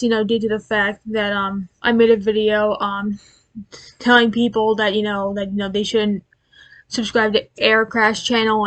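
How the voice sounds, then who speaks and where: A woman's voice: medium pitch, a bit bright, dry recording, rough recording. A woman ranting casually to her viewers as a YouTuber, rambling with many fillers and restarts. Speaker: YouTuber ranting about channels. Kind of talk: casual unscripted rant.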